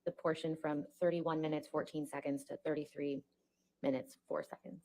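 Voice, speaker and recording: Female trial attorney, low and dark tone, measured courtroom delivery, faint hiss. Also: flat delivery, poor audio. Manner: measured, reads out timestamps. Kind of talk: formal courtroom procedure.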